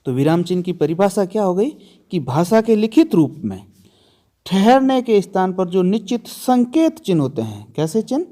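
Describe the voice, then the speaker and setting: Pitched high with a sing-song lilt, his voice carries a dark tone at a moderate pace. In an exam grammar lesson, he asks his students questions, then answers them himself, hammering home the key terms through stress and repetition.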